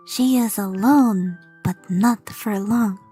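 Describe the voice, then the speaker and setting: Slow, breathy woman reading fan fiction. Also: medium pitch, warm tone, soft background music. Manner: stumbling, self-correcting, laughing reader. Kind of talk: comedic story reading.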